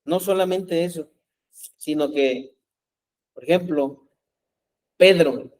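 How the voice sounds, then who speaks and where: Man, pastor, sermon, high-pitched, conversational, rhetorical questions. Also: slow, darkish tone, rough recording. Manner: conversational, keeps asking the congregation rhetorical questions.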